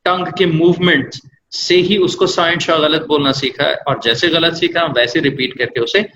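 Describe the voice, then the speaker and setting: A man's voice: a little high, fairly even intonation, normal speed, pushed and bright, slight background noise, poor audio. A man working as an English language trainer, explaining patiently with examples and mixing English words into his Hindi. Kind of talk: explanatory interview answers.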